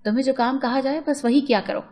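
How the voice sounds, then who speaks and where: A woman's voice: high-pitched, quick pace, dark tone, natural voice. A woman voicing a stern, secretive middle-aged mother who scolds her daughter curtly in a storybook reading. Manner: curt, scolding.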